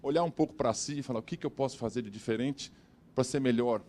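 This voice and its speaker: A man at a corporate panel who speaks fast and in a direct, emphatic way. His voice is mid-pitched, and he makes his points firmly as a business leader. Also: dark tone.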